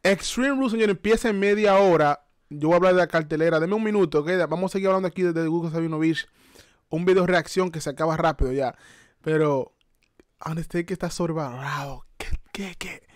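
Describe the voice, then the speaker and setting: An excitable man reacts to clips on a casual live stream from home, laughing often and looping the same phrases. His voice sits high for a man, and the sound is dry and close with no room echo. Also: brisk.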